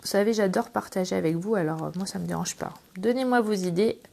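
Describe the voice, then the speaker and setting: A woman's voice: medium pitch, quick pace, creaky, warm tone. A middle-aged woman hosting a casual scrapbooking tutorial, chatty and affectionate with her viewers as she works. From France. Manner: chatty and affectionate, talks to viewers while working. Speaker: craft demonstrator and channel host.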